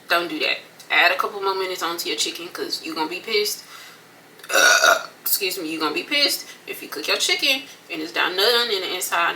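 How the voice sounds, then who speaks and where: American woman, bright forceful voice, casual mukbang chat, eating crunchy fried chicken, folksy phrasing, slightly distant mic with faint noise. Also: fairly low pitch. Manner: folksy, colloquial, repeats phrases for emphasis. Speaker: mukbang vlogger.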